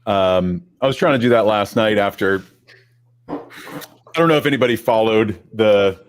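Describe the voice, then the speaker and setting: A man hosts a relaxed podcast chat in a fairly low voice. He talks in an easygoing, rambling way, with good-natured teasing of the people with him. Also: moderate pace, slight background noise. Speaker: podcast host.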